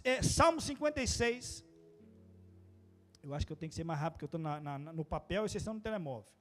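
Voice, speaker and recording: A man with a Brazilian Portuguese accent, preaching a casual, humorous sermon. He swings from quiet asides to loud, rising exclamations and tells stories with playful quoted voices and sound effects. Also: high voice. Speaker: pastor.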